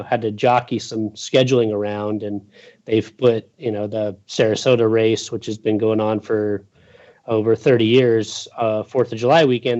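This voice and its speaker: A boating news journalist appears as an interview guest, chatting casually and informally and rambling a little. His voice is medium-pitched and a little mellow, and the audio is dull.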